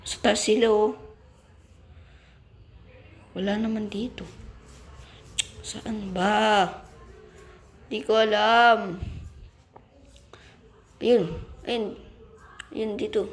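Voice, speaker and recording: A man with a Filipino accent hosting a gaming channel, giving excitable casual commentary as he plays and exclaiming when things go wrong. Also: high-pitched, slow, pauses often. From Philippines. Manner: excitable, yelps and exclaims while playing.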